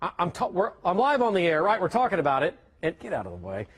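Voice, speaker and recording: A man's voice: high voice, wildly swooping pitch, fast talker, slightly rough. A man giving unscripted live TV storm commentary, repeating himself and tagging phrases with questions. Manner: repetitive, checking with "right?" and "okay?". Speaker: TV weather reporter.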